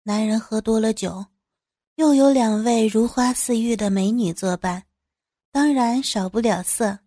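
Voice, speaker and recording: A woman with a fairly high voice narrates an adult audio drama in the first person. Her character's lines come out bright and teasing, and the recording is dry and close. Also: a little slow, dry recording.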